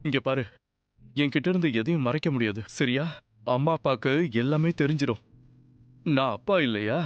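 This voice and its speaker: A man dubbing a caring fatherly figure in a TV serial, gentle, hesitant and protective. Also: mid-range voice, normal speed, highs cut off, natural voice. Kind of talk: dubbed TV serial drama. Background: background music.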